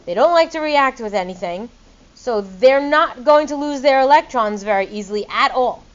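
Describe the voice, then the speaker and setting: A high-pitched middle-aged woman lectures a classroom of students, upbeat and playful as she quizzes them. The sound is muffled and a bit dull. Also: animated, normal speed. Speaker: chemistry teacher.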